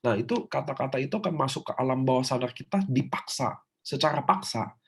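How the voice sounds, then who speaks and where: A man giving a preachy, animated motivational training talk to his team. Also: medium pitch, fairly quick, husky. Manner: preachy, animated, shouts example affirmations. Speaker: business trainer.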